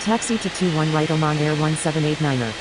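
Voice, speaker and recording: A woman's voice: sits low, fast, natural voice. A woman playing a businesslike airline pilot over the radio, speaking in procedural phraseology. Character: businesslike female airline pilot calling the tower. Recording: hissy radio with engine-like noise.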